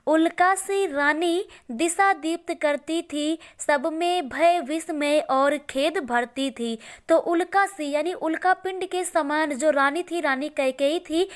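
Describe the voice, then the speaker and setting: A woman with a high, clear voice teaches an online literature lesson. She reads each verse aloud slowly and then breaks it down in plain, patient explanation. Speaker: Hindi teacher. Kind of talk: explaining a poem line by line.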